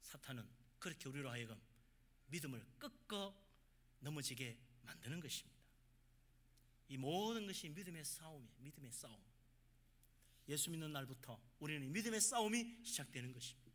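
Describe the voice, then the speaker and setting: Man, pastor, sermon, emphatic, rises and falls in volume, bright tense tone. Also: on the high side, lively intonation, fairly quick, pauses often. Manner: emphatic preaching, swinging between loud exhortation and quiet asides. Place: church.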